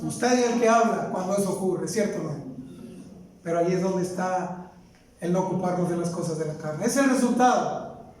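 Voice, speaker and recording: Pastor guy preaching, real high voice, heavy church echo. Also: normal speed, slight background noise. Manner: preaches with rhetorical questions, often rising to a shout. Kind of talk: sermon. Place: church sanctuary. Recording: echoey church hall from far off.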